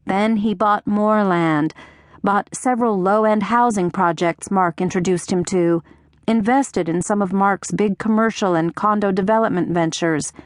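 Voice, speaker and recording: A woman reading a novel aloud as an audiobook narrator, in a gentle storytelling manner with wry asides. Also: medium pitch, no echo, studio quality.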